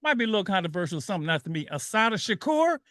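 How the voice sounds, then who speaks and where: A man's voice: high-pitched, very animated, racing, fairly bright tone, no echo, studio quality. A man hosting a call-in radio show who talks with energy, repeats his phrases and laughs easily. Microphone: studio microphone.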